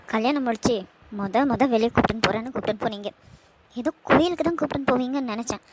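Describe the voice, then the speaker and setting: A woman's voice: sits high, very noisy, natural voice. A woman voicing a hurt young bride, crying and reproachful, with a Kanyakumari Tamil accent. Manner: reproachful, pleading.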